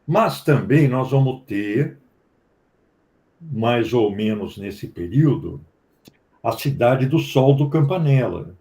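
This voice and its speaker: A man with a Brazilian Portuguese accent leads an academic study-group discussion. His voice sits in a middle pitch with a warm, mellow tone. He explains at length, often checking in with tag questions. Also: animated, slow pace, pauses often. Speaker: professor leading a study group.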